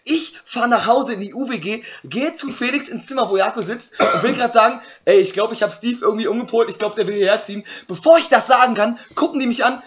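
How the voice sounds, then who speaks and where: Fast, very high-pitched young man. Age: young adult. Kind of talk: casual storytelling in a group chat. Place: living room with a group. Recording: dull room recording.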